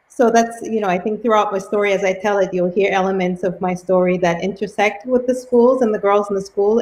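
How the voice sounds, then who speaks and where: Speaking over a video call, a Cameroonian woman in her forties introduces herself warmly as a school's new head, peppering her welcome speech with ums. Her pitch is medium, and the recording sounds rough.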